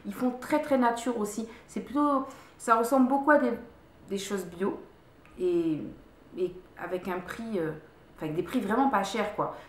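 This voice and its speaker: A beauty vlogger with a mid-range voice reviews her favorite products in a room at home, speaking at normal speed. She is casual and chatty, often repeating words and restarting, and the room sounds echoey.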